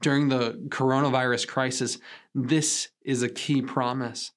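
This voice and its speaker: A man pastor preaching a sermon in an earnest, measured way, with emphatic pauses. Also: medium pitch, little pitch movement.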